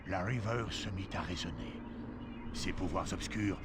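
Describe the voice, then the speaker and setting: An actor playing a haughty, cold ancient vampire lord in a video game, with measured, theatrical menace. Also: male voice, low-pitched, animated, heavy background noise. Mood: brooding. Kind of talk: dramatic video game narration. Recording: loud game music underneath. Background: loud game music.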